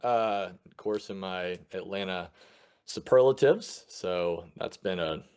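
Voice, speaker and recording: Man in his thirties, lowish voice. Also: slow pace, a little mellow, clear, resonant tone. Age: 30s. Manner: chatty, explains things plainly. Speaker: podcast co-host. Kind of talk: casual podcast chat.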